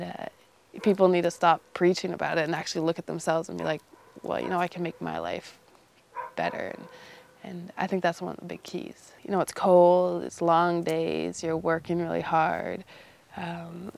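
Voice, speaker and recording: Low, creaky young Canadian woman. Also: a little mellow. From Iqaluit, Nunavut, northern Canada. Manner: informal, loose phrasing with frequent "you know". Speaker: interviewee, young polar expedition member. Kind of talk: casual unscripted interview.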